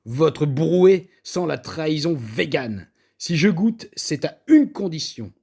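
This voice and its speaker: A man playing a gruff, indignant meat lover. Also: on the high side, expressive, takes it slowly, darkish tone, heavily acted. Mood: defiant. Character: grumpy stubborn meat-loving man, combative.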